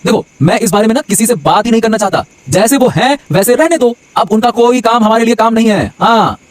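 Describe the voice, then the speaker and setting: A man's voice: sits high, a little fast, dry recording, lightly acted. A man voicing a stubborn, grumbling husband in a cartoon story, brusque and dismissive. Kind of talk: cartoon voice acting. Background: background music.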